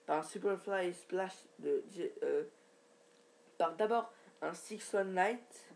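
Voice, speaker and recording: A man's voice: high voice, takes it slowly, vocal fry. A man giving a casual, rambling recap from his home computer, with many restarts and fillers. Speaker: wrestling recap vlogger.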